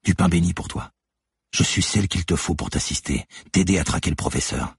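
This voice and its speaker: Man doing a relentless woman police detective, cold methodical accusations, audiobook, very deep, husky, dry close sound. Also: brisk, no room sound, exaggerated voice. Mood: accusing, cold. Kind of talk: audiobook character voice.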